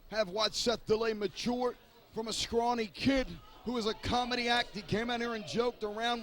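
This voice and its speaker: A man's voice: very high-pitched, fairly bright tone. A man giving live wrestling commentary with emphatic, dramatic phrasing.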